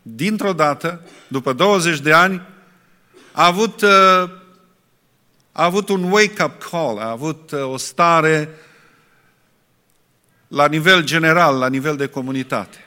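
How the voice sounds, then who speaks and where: A man preaching a sermon, asking rhetorical questions and pausing often to restart. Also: fairly high pitch, sharp tone. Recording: long reverb in a hall.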